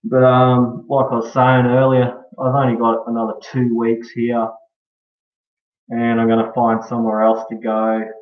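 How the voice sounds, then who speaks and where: A man's voice: medium pitch, completely flat delivery, measured pace. An Australian man chatting casually on a live stream in a laid-back, slangy way, often tagging sentences with "eh" and "bro". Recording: dull echoey room, far from mic.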